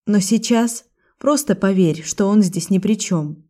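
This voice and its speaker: A woman voicing a shaken, tearful young woman who speaks softly and earnestly. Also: medium pitch, measured pace, lightly acted.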